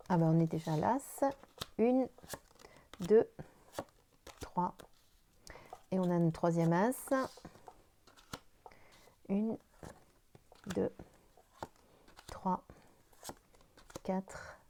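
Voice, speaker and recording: A tired woman talks through a tarot reading to camera at an easy pace. She sounds gentle and reassuring, now and then stumbling over her words and restarting. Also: lowish voice, slight background noise. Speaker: tarot card reader.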